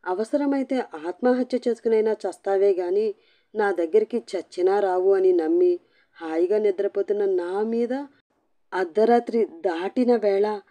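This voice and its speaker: A woman voicing a young bride who sobs and scolds in a shrill, cursing tirade. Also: measured pace, dark tone, natural voice. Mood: wailing, cursing.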